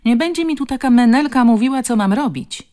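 A woman's voice: on the low side, animated, a little slow. A woman voicing a cocky schoolboy bully who jeers and sneers. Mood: sulky. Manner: jeering, sneering.

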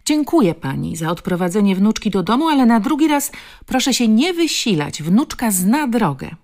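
A woman reading the part of a stern, overprotective elderly grandmother who snaps sharp commands. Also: fairly high pitch, very animated, normal speed, voice pushed up. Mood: curt.

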